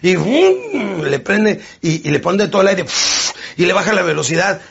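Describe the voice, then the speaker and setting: A man giving an animated motivational seminar talk, slipping into quick character voices. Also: high voice, gravelly, husky, dull audio. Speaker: motivational speaker.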